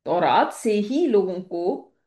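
A woman's voice: medium pitch, expressive, slow, dark tone. A woman giving a religious lecture as a Quran teacher, explaining points through worked examples and rhetorical questions.

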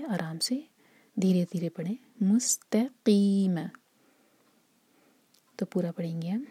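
A woman teaching Quran recitation rules, speaking softly and patiently, often in a half whisper, slowly sounding out example words. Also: on the low side, breathy edge, no room sound. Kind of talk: tajweed lesson with slow recitation examples.

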